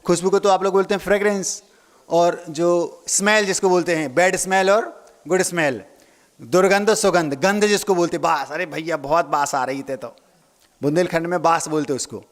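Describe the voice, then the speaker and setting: A man's voice: high-pitched, normal speed, long reverb tail. A man, a Jain monk, giving a sermon, playing with word meanings and asking his listeners questions. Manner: playful wordplay, asks the audience questions.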